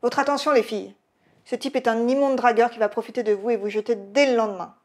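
A woman's voice: on the high side, lively intonation, normal speed, vocal fry, husky, exaggerated voice. A woman reading the lines of a tipsy, furious young woman who raises her voice. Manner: angry, raised voice.

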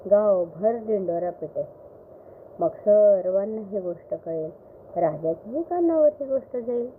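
An older woman storyteller narrating a bedtime story for children in a gentle, expressive way. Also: mid-range voice, measured pace. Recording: phone-like line with faint hiss.

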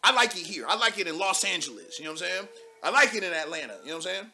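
A man in his thirties hosting a live political call-in show from a studio desk, talking loud and animated with casual slang and cursing. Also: high-pitched, racing, creaky. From United States. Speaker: talk show host.

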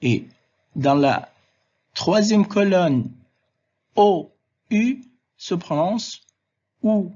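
A husky, breathy teacher voice spells words out letter by letter at a very slow, patient pace, now and then switching into Arabic to explain. The recording is muffled and lo-fi. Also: medium pitch, lively intonation, warm tone. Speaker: French teacher. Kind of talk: classroom language lesson.

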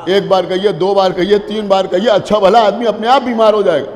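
A male cleric with a Lucknow Urdu accent, delivering an impassioned sermon to a gathering, repeating phrases and shouting rhetorical questions. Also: sits high, fairly even intonation, fairly quick. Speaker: Shia cleric giving a majlis. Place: religious gathering hall. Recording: long reverb of a large hall.

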